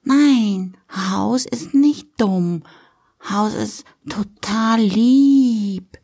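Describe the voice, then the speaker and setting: A woman voicing an earnest, stubborn little girl, drawing out each word slowly like a child. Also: medium pitch, warm tone, pitched above the performer's own voice. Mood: insistent. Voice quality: slow, drawn-out childlike speech.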